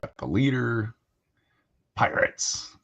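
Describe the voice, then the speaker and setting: A man co-hosting a casual hobby podcast, talking in a relaxed, rambling way with lots of fillers. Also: mid-range voice, slow pace, creaky, a little hiss or hum. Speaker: co-host.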